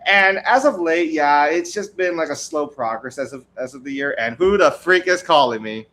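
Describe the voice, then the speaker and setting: A young American streamer with a higher voice rambles through a casual livestream chat, laughing frequently and restarting lots of sentences. He speaks at a moderate pace in a bright, forceful tone.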